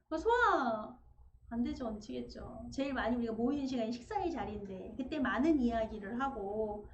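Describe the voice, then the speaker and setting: A woman preaching a sermon, telling family stories with lively acted-out dialogue. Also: a little high, moderate pace, echoey room, lo-fi sound, slight background noise. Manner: animated storytelling, acting out family dialogue. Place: church sanctuary.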